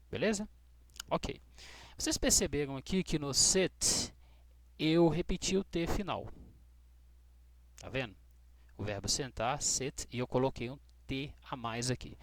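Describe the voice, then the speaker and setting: A Brazilian man teaching English grammar to students, patient and checking in often with short questions, spelling out letters slowly. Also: mid-range voice, a little hiss or hum. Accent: Brazilian Portuguese. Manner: spells out letters slowly, stressing key words. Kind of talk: explaining grammar rules to students.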